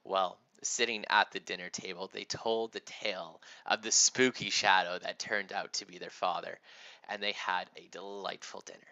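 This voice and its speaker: A man telling a children's story in a lively, dramatic way, dropping to hushed whispers. Dull lo-fi recording. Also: low voice, moderate pace, gravelly, no echo.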